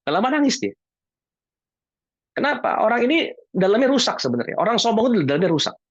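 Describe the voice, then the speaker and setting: A man's voice: high voice, very animated, fast, no echo. A man answering audience questions about emotions in a casual, jokey way, acting out little dialogues. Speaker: guest speaker on emotions. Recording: dull lo-fi online talk audio.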